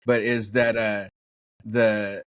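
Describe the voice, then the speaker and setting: A man's voice: fairly low pitch, level tone, slow pace, fairly bright tone, no echo, studio quality. Hesitant podcast host man. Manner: hesitant, searching for words. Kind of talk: casual podcast interview.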